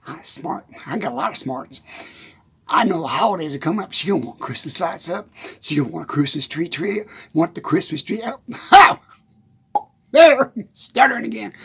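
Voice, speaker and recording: A man with a Texan accent plays a giggly good-ol'-boy country character in a rambling comic monologue. His heavily acted voice sits high with a breathy edge, and he giggles constantly while using folksy rural grammar.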